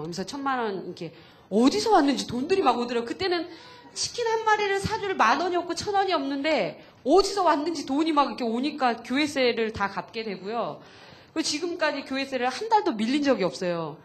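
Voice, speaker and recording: Pastor's wife sharing her testimony, kinda high voice, lots of fillers, a bit of hiss. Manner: earnest, chatty storytelling with many fillers. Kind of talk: church testimony talk. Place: church camp hall.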